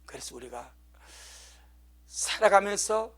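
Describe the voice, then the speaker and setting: A middle-aged male pastor preaching a sermon, pressing his points through repetition and dropping from loud stresses to hushed near-whispers. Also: high voice, animated, takes it slowly.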